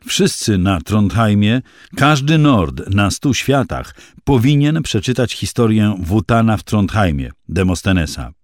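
A man's voice: lowish voice, big pitch swings, a little slow, no room sound, clean studio sound. A man voicing a precise, scornful young female student who lectures exactly.

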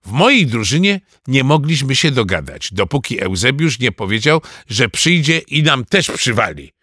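A man reading a children's story aloud in a lively first-person boy narrator's manner. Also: medium pitch, moderate pace, breathy edge, no room sound, clean studio sound. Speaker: audiobook narrator.

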